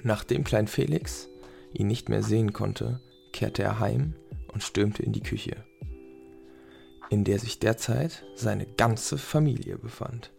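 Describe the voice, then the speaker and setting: A man reading a story aloud in an even narrating manner. His voice sits low and very gravelly. Faint music plays underneath. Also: slow pace.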